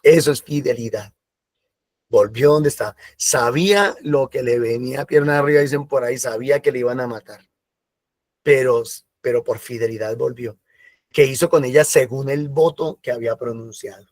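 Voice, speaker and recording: A man's voice: medium pitch, normal speed, darkish tone, dry recording, studio quality. A man giving a sermon in a conversational style, slipping into quoted voices. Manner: conversational preaching with acted asides and quoted voices. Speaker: preacher.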